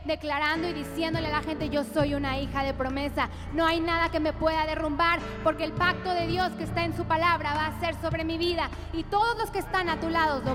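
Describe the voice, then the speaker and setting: A woman preacher with a Latin American Spanish accent, leading the congregation in repeated declarations during a sermon. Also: high voice. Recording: reverberant church hall with music. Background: music.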